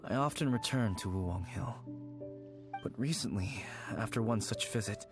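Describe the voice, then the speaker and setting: Man voicing a halting, anxious young man. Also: lowish voice, lightly acted. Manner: halting, worried, soft-spoken. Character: anxious young man haunted by a lost childhood friend. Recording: game audio with background music.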